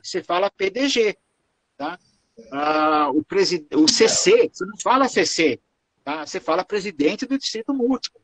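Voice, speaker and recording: A man's voice: sits high, vocal fry, husky, poor audio. A man with a Brazilian accent gives a lecture on protocol and answers questions, explaining patiently and tagging his phrases with "tá?" and "né?". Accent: Brazilian Portuguese. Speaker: lecturer on Lions Club protocol.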